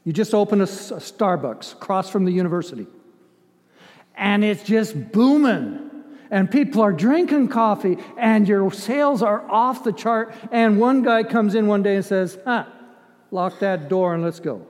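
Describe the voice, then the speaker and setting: The voice sits high, darkish and expressive, moving at a normal speed, as an older man who grew up in Ethiopia preaches. He combines emphasis with a conversational tone, dramatized asides and rhetorical questions. The hall reverb is long.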